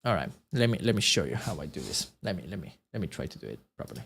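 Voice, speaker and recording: A man's voice: low-pitched, very animated, very fast, vocal fry, a bit bright, a little hiss or hum. A tired man streaming live, chatting alone in a rambling, self-talking way. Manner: rambling, self-talking, frequent restarts and chuckles. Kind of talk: casual solo live-stream chat.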